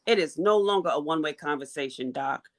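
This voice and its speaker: A woman's voice: lowish voice, lively intonation, slow, bright, forceful tone. A woman on a video call, a panelist who performs a spoken-word poem and speaks with a rhythmic, emphatic delivery. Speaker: panelist, menstrual health advocate.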